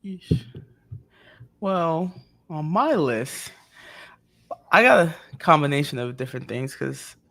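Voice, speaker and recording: Gravelly-voiced man, relaxed chat. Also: on the high side, takes it slowly, pauses often. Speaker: podcast co-host. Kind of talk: casual roundtable chat.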